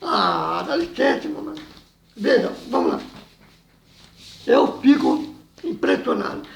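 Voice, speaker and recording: A man preaching loudly and emphatically in a very high, gravelly voice. He laughs often between his points. The sound is roomy and echoing. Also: wildly swooping pitch, a little slow, a little hiss or hum. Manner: loud and emphatic, says he always talks loud; laughs between phrases, says "meu irmão" often. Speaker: evangelical preacher. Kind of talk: informal sermon.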